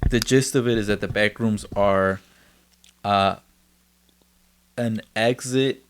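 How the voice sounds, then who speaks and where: A man's voice: fairly low pitch, steady tone, slow pace, slight background noise. A man hosting a casual, laid-back podcast, chatting and joking with a friend and swearing freely. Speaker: podcast host. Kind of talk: casual chat.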